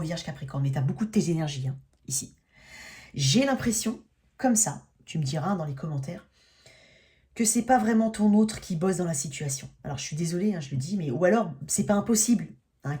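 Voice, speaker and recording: A woman, a tarot reader, speaks with a fairly low voice. Her tone is mellow and dark. She talks in a casual, halting way, restarting phrases and tagging them with "hein" as she reads the cards. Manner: hesitant, many restarts and tag "hein". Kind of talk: casual tarot reading to camera.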